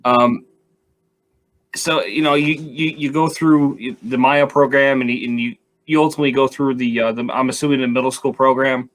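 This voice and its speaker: A man's voice: mid-range voice, fairly even intonation, normal speed, a bit bright. A man hosting a live interview show, asking questions in a chatty way with many fillers. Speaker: show host.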